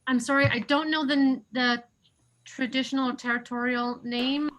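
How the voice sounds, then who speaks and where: A woman from Alberta chats through her introduction on a video call. Her voice sits high, with a bright, crisp edge. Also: steady tone, normal speed, low-quality recording. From Alberta, Canada. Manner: chatty, self-deprecating. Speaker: participant.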